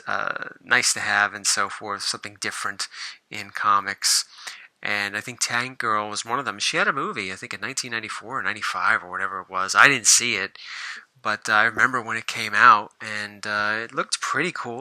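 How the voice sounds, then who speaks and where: A man's voice: lowish voice, sharp tone, dry recording, low-quality recording. A man hosting a casual show-and-tell video about comic books, rambling, with lots of fillers and restarts. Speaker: comic book collector and channel host.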